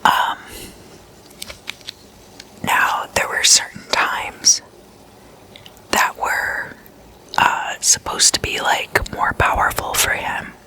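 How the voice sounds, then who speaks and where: Whispering breathily and without voice, close to the mic, an ASMR host tells stories in a casual way and gently repeats words. The delivery is very slow, with long pauses.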